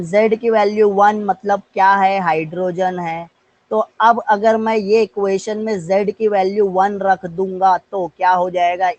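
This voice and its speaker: A man's voice: high voice, a little mellow, low-quality recording. A male physics teacher with an Indian accent, giving an online live class and coaxing students with questions. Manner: mixes Hindi with English terms.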